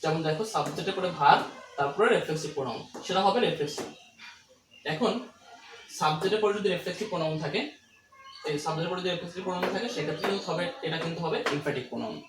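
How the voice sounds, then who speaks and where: A man teaching English grammar, explaining quickly and slowing down to read each English example aloud. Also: on the high side, fairly bright tone. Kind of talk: classroom-style grammar lesson. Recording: roomy, distant mic, noisy.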